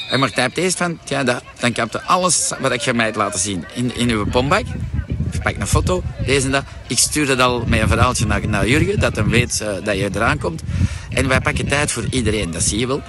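Pushy Flemish man with a bright voice. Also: lowish voice. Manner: insistent and pushy, repeats "voilà" and "hè". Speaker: coach and shop owner. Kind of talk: live-stream sales pitch answering a viewer.

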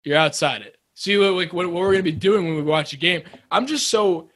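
A young man co-hosting a casual sports podcast, talking in an excitable, rambling, jokey way. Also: high voice, fairly quick, no echo, studio quality. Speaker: podcast co-host. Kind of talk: casual chat.

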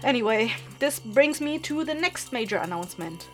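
Delivering upbeat, informal announcements, this podcast host and creator keeps her scripted message chatty for listeners. Her fairly high voice is animated and fairly bright, moving at a moderate pace over soft background music.

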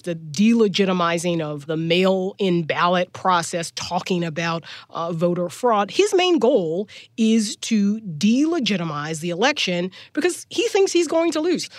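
A woman's voice: medium pitch, dry recording, studio quality. A woman co-hosting a political news podcast as a reporter, conversational, slightly stuffed up from a head cold. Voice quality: slightly stuffy, congested nose. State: getting over a head cold.

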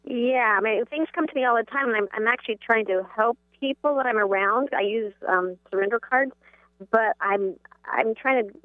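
A woman's voice: fairly high pitch, no room sound. Lady caller on a radio show, keeps restarting her sentences, narrow phone sound. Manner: halting, unsure, with restarts. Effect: phone call heard on a radio show. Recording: tinny phone line.

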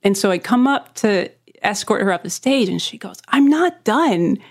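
A woman's voice: medium pitch, lively intonation, moderate pace. A young woman from Mexico City, co-hosting a podcast and telling stories about herself in a casual interview chat, often laughing at herself. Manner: laughing, self-deprecating storytelling. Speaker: podcast co-host, guest.

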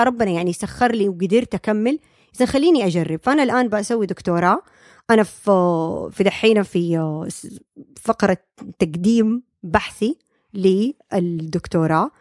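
A young woman talks quickly and explains her field as a guest, with fillers and restarts and English terms mixed in. The sound is dry and close. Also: mid-range voice, darkish tone, dry recording. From Saudi Arabia. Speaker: speech-language pathologist guest. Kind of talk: casual podcast interview.

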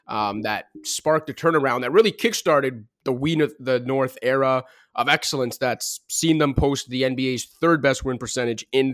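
Male podcast host, energetic, stat-heavy delivery, close dry mic, mid-pitched voice. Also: dry recording. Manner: energetic, talks in long stat-heavy runs. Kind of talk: casual sports podcast chat.

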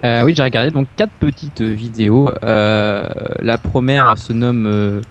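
A man co-hosting a casual podcast, speaking hesitantly with many pauses. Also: medium pitch, fairly even intonation, lo-fi sound. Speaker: podcast co-host. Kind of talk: casual chat.

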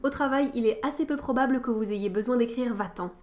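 A woman's voice: on the high side, fairly quick, music in the background. A woman hosting a scripted podcast lesson, with a wry, playful teacher's tone. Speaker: podcast host.

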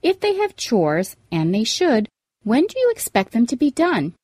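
A woman's voice: fairly high pitch, wildly swooping pitch, normal speed, darkish tone, slightly rough, no room sound, clean studio sound. A woman hosting a scripted parenting advice show in an upbeat, tidy, advice-vlogger manner, setting out tips with emphasis. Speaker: podcast host giving parenting tips.

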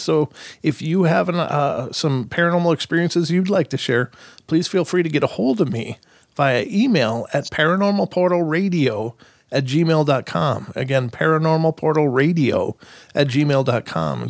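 A man's voice: a little high, creaky, no room sound, clean studio sound. A man hosting a podcast in a chatty, informal and encouraging way. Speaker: podcast host and interviewer.

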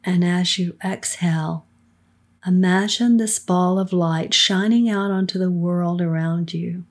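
A middle-aged woman with a soft, soothing, breathy voice, leading a guided meditation in a calm, unhurried manner with hushed phrase endings. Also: fairly low pitch. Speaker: guided meditation leader, podcast co-host.

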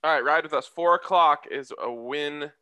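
A man's voice: fairly high pitch, moderate pace, bright, forceful tone, clean tone, no room sound. A man co-hosting a sports betting show, with casual banter and loosely delivered ad reads.

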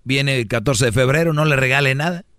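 A man's voice: medium pitch, a little fast, a bit bright, dry recording. Mexican radio guy preaching dating advice, brash and joking, dry close mic. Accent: Mexican Spanish. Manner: brash, preachy, mimics voices for jokes. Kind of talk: comic radio monologue.

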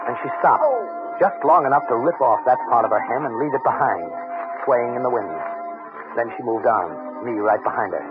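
An actor playing a plain-spoken American wartime secret agent in an old-time radio drama, with hard-boiled delivery. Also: male voice, medium pitch, fairly quick, close to an everyday voice. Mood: tense, matter-of-fact. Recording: narrow tinny vintage radio, loud music.

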